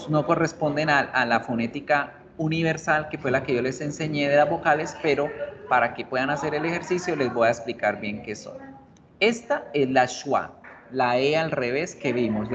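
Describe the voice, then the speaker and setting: A man teaching an online English class, explaining slowly and repeating each word several times for drilling. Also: fairly high pitch. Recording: slightly dull recording with faint noise.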